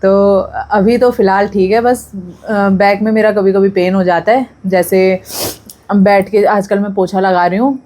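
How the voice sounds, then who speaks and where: A woman's voice: mid-range voice, steady tone, a little slow, mellow. A young pregnant woman chatting casually to camera in a vlog, talking freely and drifting off topic. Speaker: vlogger.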